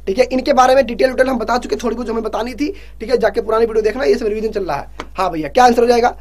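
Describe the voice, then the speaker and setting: A male exam prep teacher leading a live online revision class. He keeps pushing students to answer fast and jokingly scolds them. He reads the English questions out slowly and explains them in Hindi. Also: extremely high pitch, darkish tone, slight background noise.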